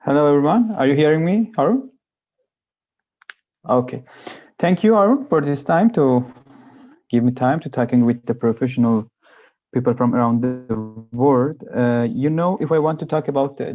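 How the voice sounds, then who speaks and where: A man, an economist on a webinar panel, answering over a video call in halting speech while he searches for words. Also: mid-range voice, dark tone, no room sound. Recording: dry, muffled online call audio.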